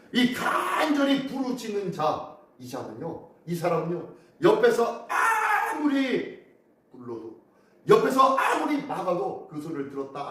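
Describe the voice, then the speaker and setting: A man preaching a dawn sermon as pastor, animated and asking the congregation questions, recorded by a phone camera from a distance. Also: fairly high pitch. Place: church sanctuary. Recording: echoey room from far off.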